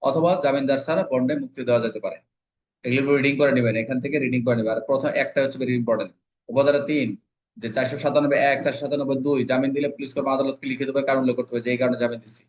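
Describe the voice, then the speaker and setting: This man's mid-range voice is flat and rapid-fire as he coaches for exams with a Bangladeshi accent, informally explaining sections of a legal code. He repeats himself, asks questions only to answer them, and mixes in English legal terminology, all on dull, lo-fi audio.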